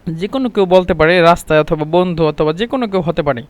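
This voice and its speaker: A man with a fairly high voice teaches a language lesson, repeating each phrase slowly and patiently before he explains it. The sound is dry and close, with no room echo at all.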